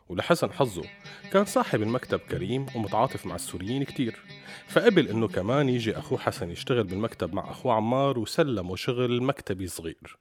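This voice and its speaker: A man tells a scripted story in a Syrian Arabic accent. His voice sits a little low and moves along at a quick pace, with music behind it. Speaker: storyteller, narrator of a story programme. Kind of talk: scripted storytelling narration with acted quotes.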